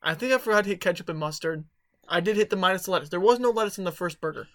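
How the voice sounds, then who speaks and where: Young man, high bright voice, casual rambling host, laughs as he talks. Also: rapid-fire. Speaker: podcast host. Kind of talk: casual chat.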